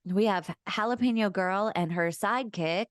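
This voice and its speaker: A woman in her forties co-hosting a podcast, upbeat and encouraging, quick to giggle. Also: medium pitch, clean tone, no room sound, studio quality. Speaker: podcast co-host. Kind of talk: casual chat.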